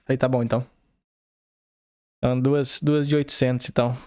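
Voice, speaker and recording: A man's voice: mid-range voice, flat delivery, brisk, darkish tone, no echo, studio quality. A man with a Brazilian accent, hosting a podcast and telling a personal story in a rambling, slangy way full of fillers and acted-out dialogue. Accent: Brazilian Portuguese. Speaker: podcast host. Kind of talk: casual storytelling.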